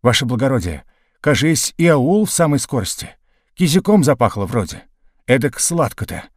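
A man voicing a rough, crafty Cossack sergeant who talks in a folksy, mocking way. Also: mid-range voice, big pitch swings, normal speed, dry recording, clean studio sound.

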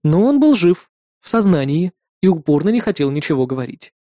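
A man reading a first-person fantasy audiobook in a calm, measured way. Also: fairly high pitch, no room sound, studio quality. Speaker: audiobook narrator.

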